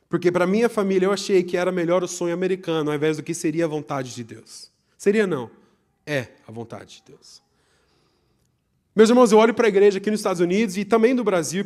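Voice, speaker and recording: Young Brazilian pastor with a high-pitched voice, preaching live, lively swings from loud to hushed. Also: male voice. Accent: Brazilian Portuguese. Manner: animated, swings between loud emphasis and hushed asides. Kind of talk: live sermon. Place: church, live service.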